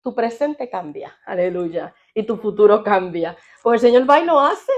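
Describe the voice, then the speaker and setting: A woman preaching a sermon in an animated way, often asking her congregation questions. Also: mid-range voice, normal speed, lo-fi sound. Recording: audio of a sermon.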